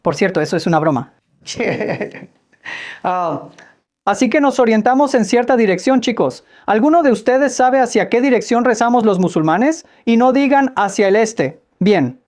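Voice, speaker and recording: A woman with a slightly high, expressive, darkish voice talks at normal speed while answering audience questions on Islam. In this Q&A lecture with Spanish voice-over, she explains things patiently and quizzes listeners with light jokes.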